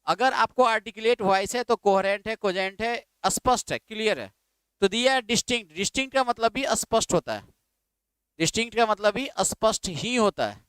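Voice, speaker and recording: A man's voice: sits high, fairly bright tone, clear, resonant tone, dry recording. A man teaching English vocabulary in a classroom-style lecture, repeating words and telling students to write them down. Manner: repetitive, drilling, asks students to write words down.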